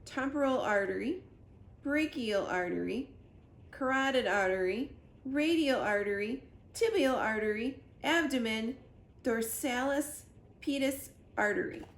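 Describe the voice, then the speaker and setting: A woman reads a children's story aloud with expression as a library storyteller, speaking a little slowly in a slightly high voice with lively intonation. There is a roomy echo and clear background noise.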